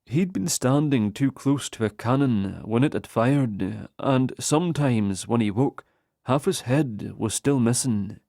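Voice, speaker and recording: A man narrating an audiobook in the first person with slow, measured storytelling. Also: medium pitch, creaky, darkish tone, no echo, studio quality.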